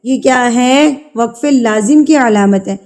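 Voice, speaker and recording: A woman teaching Quran recitation, chanting verses slowly and drawn out, then explaining the rules quickly and patiently, repeating key terms. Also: on the high side, darkish tone. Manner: patient instructional tone, repeats rule names. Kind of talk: tajweed lesson, slow drawn-out recitation with quick explanations in between.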